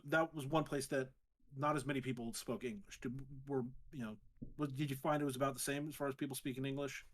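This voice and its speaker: American man in his thirties, casual co-host. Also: mid-range voice. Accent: standard American. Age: 30s. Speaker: podcast co-host. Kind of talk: casual chat.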